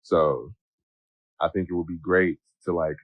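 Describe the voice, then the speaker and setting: A man's voice: deep voice, unhurried, no echo, highs cut off. A man co-hosting a podcast, casually joking with his partner about their trip. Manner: joking, animated storytelling. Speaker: podcast co-host. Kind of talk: casual couple chat.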